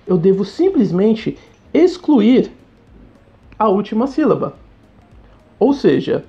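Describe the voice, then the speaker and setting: A woman teacher with a Brazilian Portuguese accent, giving a recorded lesson that she explains step by step while asking the class quick questions. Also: mid-range voice, creaky, dark tone. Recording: slightly dull recording with faint music.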